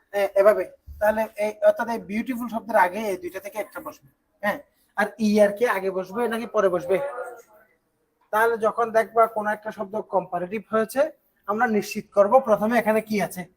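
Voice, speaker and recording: A teacher from Bangladesh teaches English grammar in an online class. The voice sits at a middle pitch and moves patiently through each point. Quick rhetorical questions keep the students following along. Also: rough recording. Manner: explains step by step, asks rhetorical check questions.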